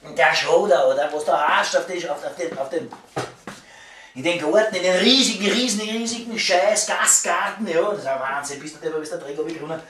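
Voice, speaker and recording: A man's voice: on the high side, a little fast, a bit bright, a little hiss or hum. A middle-aged man with a Viennese accent rambles casually and grumbles in coarse, repetitive language, like a waiter venting about work. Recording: echoey room, distant microphone.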